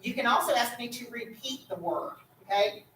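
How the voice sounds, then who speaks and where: A woman's voice: on the high side, moderate pace, fairly bright tone. A woman leads a school spelling bee as its pronouncer, patient and instructive, explaining rules and calling out words. She is heard from some distance in an echoey school room. A faint hum of background noise sits under her voice. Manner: patient, instructive, repeats "okay?".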